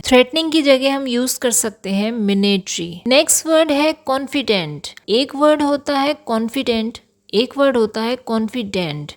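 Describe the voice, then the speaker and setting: A woman with a slightly high voice runs a vocabulary lesson. She explains each word and repeats it to correct how it is said. She slows right down to read the English example sentences with care. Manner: reads English example sentences slowly and deliberately.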